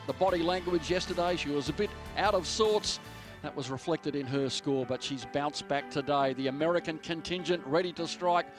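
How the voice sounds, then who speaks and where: Higher-pitched male golf commentator.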